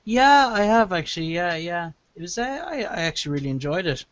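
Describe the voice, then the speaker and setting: A man's voice: sits high, very animated, a little fast, a bit bright, smooth, dry recording. Man giving film facts over a dull line. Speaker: chat guest. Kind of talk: casual chat about movies.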